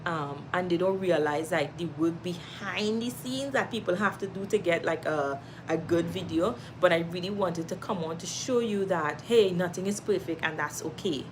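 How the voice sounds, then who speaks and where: A Trinidadian livestream host speaks from home in a fairly low voice at normal speed, with few pauses and a noisy background. Warm-hearted and encouraging, she reads comments aloud and laughs a lot.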